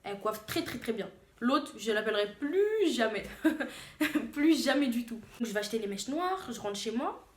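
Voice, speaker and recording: A young woman telling a story on her vlog in a lively way, often repeating phrases for emphasis. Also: fairly high pitch, normal speed. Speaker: vlogger. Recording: roomy echo.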